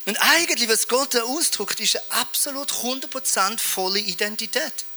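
A man preaching a sermon in a lively, emphatic and playful way. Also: extremely high pitch, normal speed.

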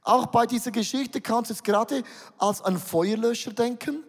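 A man's voice: extremely high pitch, moderate pace, gravelly, big-room sound. A man with a Swiss German accent preaching a sermon, emphatic, repeating words and asking rhetorical questions.

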